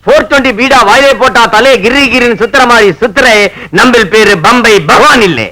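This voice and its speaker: A pidgin-speaking trickster; high pitch, old film track with crowd. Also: male voice, a little fast, low-quality recording. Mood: bossy. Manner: broken, mixed-language comic talk. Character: fast-talking man mixing broken Hindi into Tamil.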